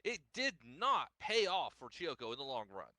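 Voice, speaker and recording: A man's voice: a little high, very animated, normal speed, sharp tone, no echo. A man giving color analysis as a wrestling commentator, with a wry, dramatic way of talking.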